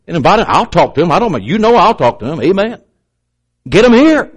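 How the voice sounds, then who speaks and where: A sermon comes from a very animated man speaking a little fast on slightly rough audio, his delivery emphatic and repetitive with pointed asides to the congregation. He has a slight stutter that makes him clamp up on some words, and he acts out doubters by raising his pitch.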